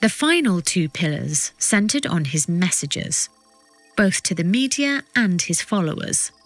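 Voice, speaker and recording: A woman reading scripted documentary narration as a podcast narrator, with measured, suspenseful storytelling. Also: fairly low pitch, big pitch swings, no room sound, faint music behind.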